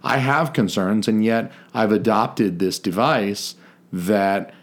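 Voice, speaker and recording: A man co-hosting a podcast, speaking in a measured, mock-formal way that breaks into casual swearing. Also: on the low side. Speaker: podcast co-host.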